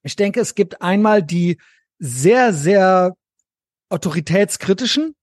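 A man's voice: high-pitched, animated, slow pace, darkish tone, dry recording, clean studio sound. A man from West Germany co-hosting a podcast, chatting casually and slangily about politics, often tacking on tag questions. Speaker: podcast co-host.

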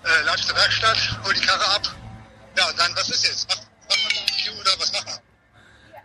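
A man calling in over a phone on loudspeaker, chatting in offhand, slangy banter while walking to a workshop. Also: high voice, normal speed. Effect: heard over a phone on loudspeaker. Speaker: phone-in friend. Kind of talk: casual chat. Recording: noisy speakerphone call.

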